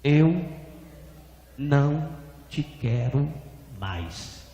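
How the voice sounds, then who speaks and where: A man's voice: a little high, expressive, voice pushed down, heavily acted. A man voicing a stern, solemn God. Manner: slow, heavy, repeated pronouncements. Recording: echoey hall reverb.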